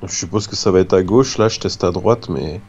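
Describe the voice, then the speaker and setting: A man's voice: low-pitched, a little fast, a little mellow, husky, lo-fi sound. A man chatting casually and jokingly with a friend as he plays a video game. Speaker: gamer. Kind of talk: casual gameplay chat with a friend.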